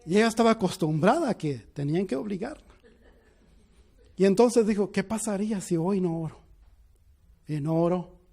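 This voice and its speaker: A man preaching an impassioned sermon, telling a story and swinging from hushed passages to loud, emphatic ones. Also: high-pitched, lively intonation, moderate pace, vocal fry, pauses often. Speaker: pastor.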